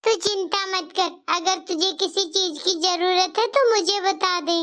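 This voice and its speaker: A stern but fair mother-in-law in a cartoon story, voiced by a woman, lecturing her daughters-in-law. The voice sits very high and sounds bright and sharp. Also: steady tone, a little slow, exaggerated voice. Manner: scolding, lecturing.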